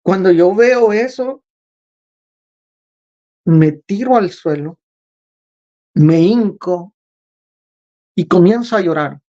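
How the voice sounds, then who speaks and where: A man being interviewed, recounting a spiritual vision in a slow, earnest, repetitive way. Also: sits high, dark tone, lo-fi sound. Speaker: interview guest.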